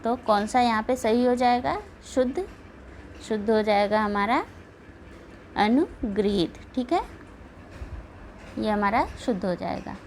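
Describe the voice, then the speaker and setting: A woman's voice: on the high side, takes it slowly, pauses often, slight background noise, rough recording. A woman teaching an exam-prep spelling lesson, reading out the answer options one by one and checking in with her students after each point. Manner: steady, checks in with repeated "ठीक है".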